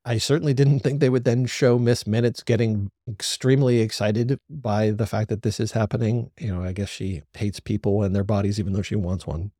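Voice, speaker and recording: A man's voice: lowish voice, steady tone, a little fast, hardly any pauses, dark tone, dry recording, clean studio sound. A man hosting a solo review podcast, talking through his opinions in an analytical, opinionated way. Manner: opinionated, analytical, talks things through aloud. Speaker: podcast host reviewing a TV series.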